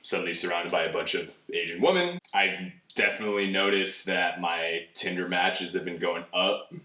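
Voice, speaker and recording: A man's voice: low voice, moderate pace, bright, forceful tone, distant mic. A man in his twenties from California, a guest in a casual interview, laid-back and candid, with many likes. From California, USA. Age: 20s. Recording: roomy, from off the mic.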